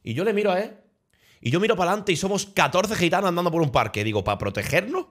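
A young man from Spain with a Spanish accent, telling a travel story in an animated, swearing, laughing way, as a streamer in casual chat. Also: sits high, very fast.

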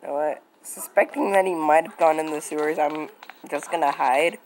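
Woman with a lowish voice gaming. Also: moderate pace, darkish tone, a little hiss or hum, poor audio. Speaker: gamer. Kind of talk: casual gaming chat.

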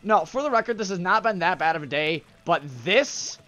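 A man's voice: high voice, animated, fairly quick, bright, forceful tone, soft background music. A man giving live gameplay commentary, frustrated and exasperated, with sudden outbursts.

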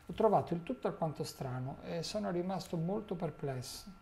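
A man's voice: on the high side, lively intonation, brisk, gravelly, dark tone, slight background noise, voice pushed up. A man reading as a young male hobbit who asks bewildered, worried questions. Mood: puzzled.

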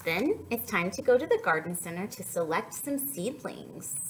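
A young woman with a voice on the low side leads children's story time at a moderate pace, with a faint hiss or hum on the audio. She reads and talks to the kids animatedly, sing-song, asking them questions along the way.

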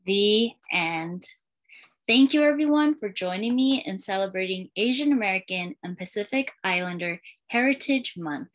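Speaking at a normal pace with lively intonation, a school librarian in her thirties reads a picture book aloud to young children in a sing-song, storytelling way. Her voice is mid-range, and she's in a small indoor room furnished with bookshelves and a curtain.

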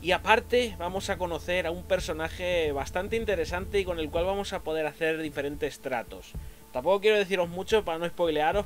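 A man with a Spain Spanish accent doing excitable let's-play commentary, muttering to himself and then swearing and shouting at enemies. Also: fairly high pitch. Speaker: gaming youtuber.

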